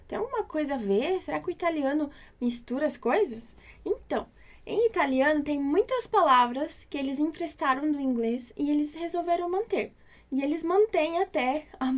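Woman, Brazilian accent, high voice, patient teacher, slow modeled phrases. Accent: Brazilian Portuguese. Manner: patient, checks in often with tag questions; slows down to model foreign phrases. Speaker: Italian teacher. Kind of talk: online language lesson.

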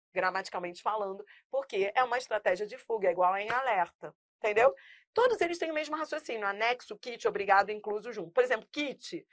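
A Brazilian woman teaching a lively Portuguese grammar class, emphatic and drilling students with repeated examples. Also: fairly high pitch, dry recording, clean studio sound.

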